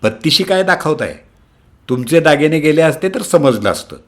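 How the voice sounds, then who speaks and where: A man doing a shrill, scolding auntie. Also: moderate pace, lightly acted. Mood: angry wailing. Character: loud tearful middle-aged aunt, quick-tempered.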